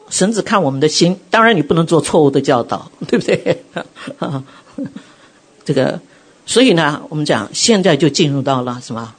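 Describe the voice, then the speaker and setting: A middle-aged woman preaching a sermon, telling her own testimony in an animated way and acting out quotes. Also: on the low side, husky. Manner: animated storytelling, acts out quotes.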